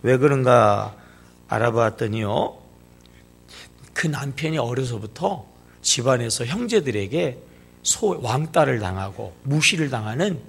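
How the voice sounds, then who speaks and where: A man's voice: mid-range voice, gravelly, slightly rough. A male pastor preaching a sermon, speaking emphatically, acting out quoted speech and prompting the congregation to answer. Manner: emphatic, asks the congregation questions and prompts replies; acts out quoted speech in changed voices. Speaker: senior pastor.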